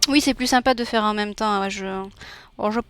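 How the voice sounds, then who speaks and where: With a mid-range voice that's brisk and smooth, a young streamer and illustrator from Nîmes chats casually with viewers as she draws on a live stream. Her southern French accent comes through over soft background music. She is warm and talkative, laughs often, and reads chat messages aloud.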